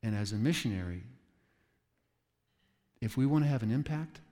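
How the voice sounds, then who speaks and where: A man preaching a sermon in an animated way, acting out quoted voices with sudden jumps in pitch. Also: moderate pace. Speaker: pastor. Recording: long reverb of a large hall.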